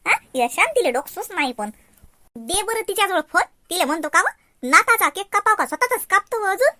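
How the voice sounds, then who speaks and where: A woman voicing a chatty, teasing old village aunt, with a Varhadi Marathi accent and a folksy, drawn-out way of talking, in a cartoon. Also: extremely high pitch, sing-song, bright, forceful tone, no room sound, clean studio sound, heavily acted.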